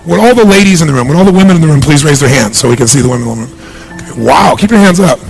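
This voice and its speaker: A middle-aged man giving a punchy, energetic seminar speech to a large audience in a big hall, asking the crowd questions. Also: fairly high pitch, racing, vocal fry, faint music behind. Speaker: motivational speaker.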